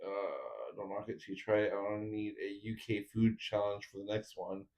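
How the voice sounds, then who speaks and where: A man's voice: fairly low pitch, moderate pace, darkish tone. Rambling man chatting in a roomy space. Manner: rambling, chatting with viewers while assembling. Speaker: 3D printer build streamer. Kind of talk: casual livestream chat while building. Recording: roomy echo.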